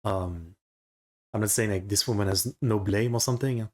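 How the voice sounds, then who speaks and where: A man with a French accent, whose first language is French, giving casual reaction commentary in a halting way with many fillers and restarts. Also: on the low side. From France. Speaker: video reactor.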